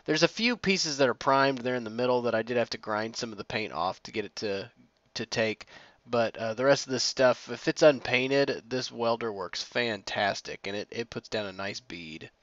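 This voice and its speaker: A man's voice: medium pitch, normal speed, a bit bright, no room sound, muffled recording. A young man casually narrating a timelapse of his own welding work, rambling with plenty of ums and restarts. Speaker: DIY maker narrating his build.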